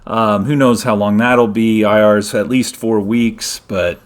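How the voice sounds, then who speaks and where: A middle-aged man hosts a casual sports talk show, laughing easily and steering the topics despite an injured wrist. His voice is fairly low-pitched and steady, at a measured pace.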